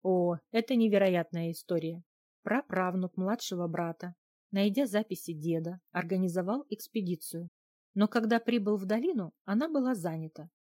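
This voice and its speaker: A woman's voice: lowish voice, mellow, no echo, clean studio sound, close to an everyday voice. A woman reading as a courteous storytelling husband. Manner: measured, relating family history. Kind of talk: audiobook reading.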